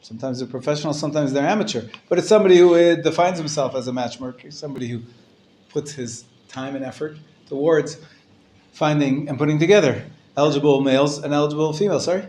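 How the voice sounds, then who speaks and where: Halting rabbi giving a conversational class. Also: male voice, on the high side, darkish tone. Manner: hesitant, halting delivery with frequent restarts; conversational, asks and answers his own questions. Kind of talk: informal lecture to a live class.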